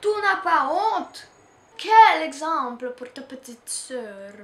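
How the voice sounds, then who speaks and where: A woman reading a storybook aloud, voicing an angry middle-aged Italian grocer who shouts and scolds. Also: high voice, lively intonation, slow, reverberant, pitched above the performer's own voice, exaggerated voice. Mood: furious. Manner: shouting, scolding, theatrical outbursts.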